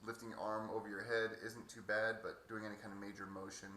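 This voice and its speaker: A man giving a halting, hesitant casual video update with a sore throat two days after surgery. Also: on the low side, level tone, sharp tone. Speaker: patient vlogger. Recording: echoey room, faint background noise.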